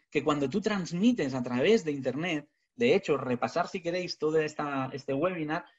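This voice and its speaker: A man, a communication trainer, giving a webinar talk over a video call, animated and full of rhetorical questions. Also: fairly high pitch, slightly rough. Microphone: webcam video call. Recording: dull lo-fi webinar audio.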